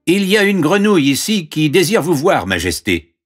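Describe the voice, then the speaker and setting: A man's voice: on the high side, very animated, moderate pace, faint music behind, voice pushed up. A man voicing a young palace servant announcing news in a storybook reading.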